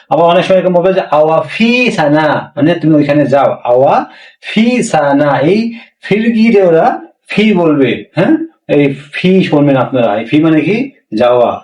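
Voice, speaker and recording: A man giving a casual spoken language lesson, repeating phrases slowly and filling pauses with small asides. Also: a little high, darkish tone. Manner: slow, repetitive drilling of phrases with many fillers. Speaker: language teacher. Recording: echoey room, voice from a distance.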